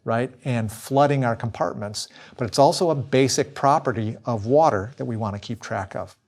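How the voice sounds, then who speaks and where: Man giving a clear recorded lecture. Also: medium pitch. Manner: clear explanatory delivery with small self-corrections.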